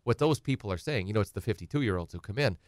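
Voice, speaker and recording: On a talk show, a middle-aged attorney appears as a guest and rambles conversationally through estate planning, acting out what clients ask. He speaks fast and animatedly in a fairly low voice. The recording is studio quality, with no room sound.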